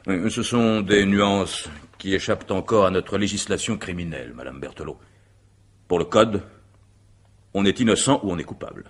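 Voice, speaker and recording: In a radio mystery drama, a male actor with a low voice plays a courteous, methodical examining magistrate. He speaks in formal, measured, legalistic phrases, and his mood is formal and probing.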